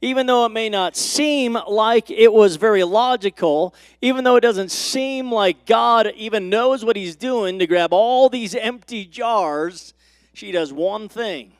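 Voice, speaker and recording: Man, pastor, church sermon, high voice, dry close sound. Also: measured pace, no room sound. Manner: preachy, rising and falling emphasis, asks the congregation questions.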